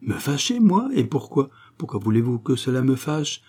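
A man's voice: mid-range voice, very animated, moderate pace, darkish tone, voice pushed up. A man reading a pompous, self-satisfied count. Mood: patronizing. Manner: grandiloquent, lecturing, full of himself.

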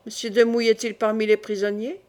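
A woman voicing a suspicious, stern young French king who questions his court in a probing, quietly menacing way, in an audiobook. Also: a little high, flat delivery, brisk, close to an everyday voice.

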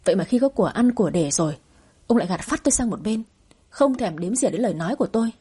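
A woman's voice: medium pitch, expressive, fast, mellow, breathy edge. A woman storyteller voicing a stubborn middle-aged mother who complains and wails in a spoken audio story. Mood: wailing. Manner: wailing, obstinate.

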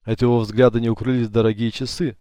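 Male audiobook narrator, steady measured delivery, warm dark tone, dry close studio sound. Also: mid-range voice, smooth, dry recording. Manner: even, measured storytelling. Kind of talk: scripted narration.

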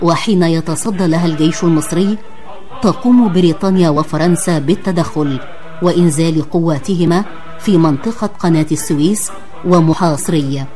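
An Egyptian woman reading a scripted radio documentary as a formal, measured narrator. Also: on the low side, dark tone, soft background music.

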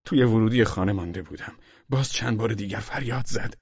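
A man narrating a humorous audiobook in a wry, expressive storytelling manner. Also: lowish voice, breathy edge, dry recording, highs cut off.

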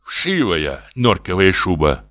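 A man's voice: low-pitched, big pitch swings, slow pace, pushed and bright, heavily acted. A man voicing a simple, blunt plumber who barks orders in plain words.

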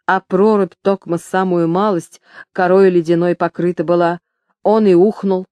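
A woman reading an audiobook, slow and measured storytelling. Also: fairly low pitch, steady tone, mellow, clear, resonant tone, no echo. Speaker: audiobook narrator. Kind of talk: scripted audiobook narration.

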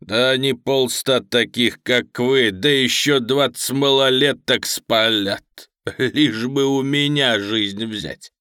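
A man's voice: mid-range voice, clear, resonant tone, no echo, studio quality. Man playing a gloating bandit villain. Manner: slow, mocking, gloating, loud. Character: cruel, burned male bandit leader, gloating.

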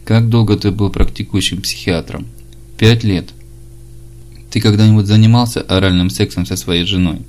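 A man reading an audiobook chapter, voicing every part in the same measured, level delivery. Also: fairly low pitch, fairly even intonation, darkish tone. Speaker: audiobook narrator.

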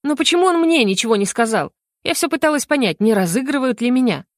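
A woman voicing a defiant, flustered young woman under interrogation, higher and livelier than her narration, in an audiobook. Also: fast talker, no echo, clean studio sound. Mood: indignant. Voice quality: raised pitch, lively and indignant. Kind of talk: audiobook character voice.

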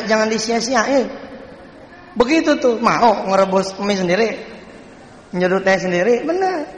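Lively preacher. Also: male voice, sits high. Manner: lively, jokey storytelling that addresses the congregation. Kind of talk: storytelling sermon. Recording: echoey hall with long reverb.

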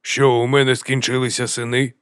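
A fat, grinning hill chieftain, put on by a male audiobook reader, stretches his words into a lazy sing-song. He slides from a near-whisper to a booming boast without warning, unsettling and merry at once. The voice sits at an ordinary male pitch in a dry, close recording. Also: level tone, a little fast, clear, resonant tone, no room sound, close to an everyday voice. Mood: jovial, unhinged. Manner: drawling and sing-song, swinging between hushed and loud. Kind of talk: audiobook character voice.

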